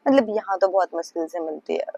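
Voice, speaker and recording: A woman's voice: lowish voice, lively intonation, fast talker, creaky, mellow, breathy edge, muffled recording. A young woman from central India chatting on a casual travel vlog, wistful and talkative, mixing in English words, recorded outdoors on a hand-held phone. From Madhya Pradesh, India. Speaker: vlogger. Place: outdoors on the road.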